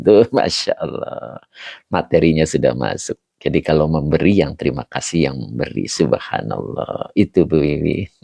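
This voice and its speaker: A man teaching an online religious study session, explaining slowly and greeting participants over a video call. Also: low-pitched, creaky, mellow, slightly rough, no echo. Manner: slow, explanatory, reads out chat greetings. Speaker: Islamic teacher.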